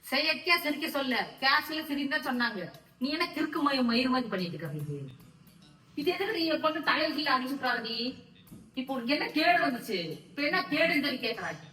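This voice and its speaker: Exasperated mom, high voice, recorded off-mic with music behind. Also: female voice, lively intonation, fast talker, reverberant, far from the mic. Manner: scolding, exasperated, swings between grumbling and shouting. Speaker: mother scolding her prankster daughter. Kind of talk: casual family prank video.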